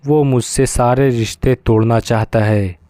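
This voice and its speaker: A man's voice: mid-range voice, fairly even intonation, a little slow, warm tone, no echo, studio quality, natural voice. A man voicing a stern, status-proud, wealthy middle-aged father with a cold, commanding manner, in a storybook reading.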